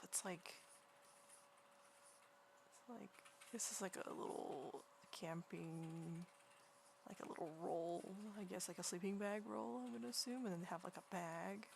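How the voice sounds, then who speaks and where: Quiet woman artist rambling on stream while drawing, low and kinda gravelly, faint hiss behind. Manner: speaking quietly in a soft near-whisper; chatty, rambling with many restarts. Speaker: livestreaming artist. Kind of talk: casual chat while drawing. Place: home room beside a partner who is gaming.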